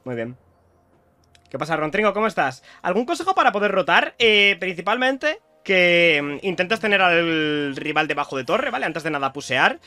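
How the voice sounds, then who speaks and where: Excitable young Spanish man, bright voice. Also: sits high, normal speed, few pauses, dry recording. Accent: Spanish from Spain. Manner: chatty, excitable, talks to viewers. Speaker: streamer playing a video game. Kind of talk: casual gameplay commentary.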